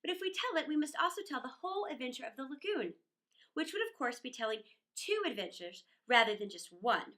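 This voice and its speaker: Her high-pitched voice carries a children's story with lots of drama and expression. Along the way she stops for pauses and thoughtful asides.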